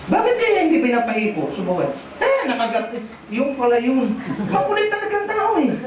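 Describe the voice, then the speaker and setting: A man with a Filipino accent preaching a sermon, animated and asking the congregation questions. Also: extremely high pitch, fairly quick, noisy background. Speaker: pastor. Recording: echoey church, distant dull mic.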